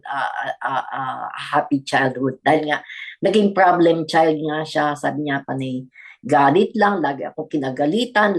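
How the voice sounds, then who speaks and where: An older woman, a grandmother, giving a personal testimony in a radio interview with earnest storytelling. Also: deep voice. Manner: earnest storytelling, mixing Tagalog and English. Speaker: guest grandmother.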